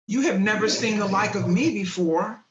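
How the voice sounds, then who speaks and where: A woman voicing a warm, stately female Christmas spirit who speaks in slow, solemn pronouncements over a video call. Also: mid-range voice, roomy sound, lo-fi sound, a little hiss or hum, close to an everyday voice.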